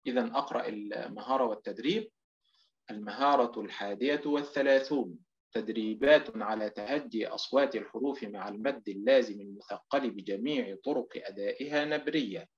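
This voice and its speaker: A middle-aged male recitation teacher leads an online lesson and explains each point step by step. He drags example words out slowly to demonstrate them. The audio is dull and muffled, like a lo-fi call. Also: lowish voice.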